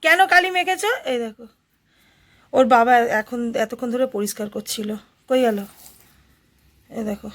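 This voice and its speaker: A woman's voice: on the high side, fairly even intonation, moderate pace, pauses often. A young Indian woman vlogging casually at home, chatting to her viewers as friends and coaxing her toddler in playful baby talk.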